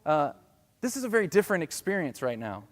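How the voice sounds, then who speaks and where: A man giving a lively, playful keynote talk to an audience, speaking straight to them. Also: a little high, fast. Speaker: keynote speaker, director of evangelization. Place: large church hall. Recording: echoey hall.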